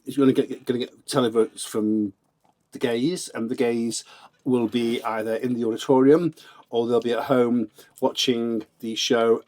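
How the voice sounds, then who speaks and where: A man's voice: medium pitch, a little mellow. A man co-hosting a casual chat show, cheeky and opinionated, often laughing at his own quips. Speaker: podcast co-host.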